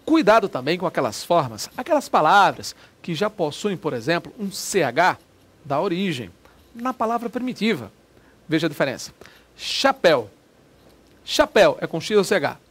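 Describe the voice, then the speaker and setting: Lively, high-voiced teacher. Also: male voice, normal speed, husky. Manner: lively, chatty, drills words by repeating them. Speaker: Portuguese teacher. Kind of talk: recorded online grammar lesson.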